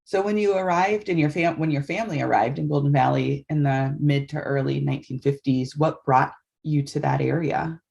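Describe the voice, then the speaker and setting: A woman's voice: low voice, steady tone, moderate pace, vocal fry, darkish tone, lo-fi sound. An American woman conducting an oral history interview, politely asking questions and listening attentively.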